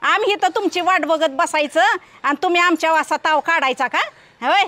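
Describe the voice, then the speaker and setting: An actress playing a sharp-tongued old village farm wife who bickers back at her husband. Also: very high-pitched, a little fast. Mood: bickering. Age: older. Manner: quarrelsome, questioning.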